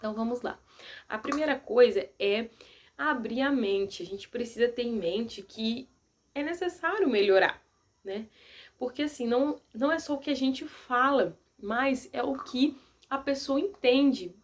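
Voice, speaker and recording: A young woman vlogger giving casual advice to the camera, soft-spoken, gentle and earnest. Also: on the high side, expressive, unhurried.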